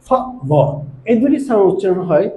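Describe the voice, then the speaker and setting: A male teacher with a Bangladeshi accent explains pronunciation slowly, step by step, pausing often with "ah" fillers. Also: high-pitched, lively intonation, dark tone, roomy sound, poor audio. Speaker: English teacher. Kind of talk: pronunciation lesson.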